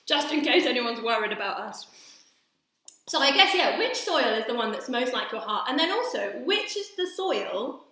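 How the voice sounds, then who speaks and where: A woman's voice: a little high, big pitch swings. Cheerful woman leading a kids' church talk in an echoey room. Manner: playful and giggly, then soft and slow for prayer. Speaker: children's church presenter. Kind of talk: children's talk and guided prayer.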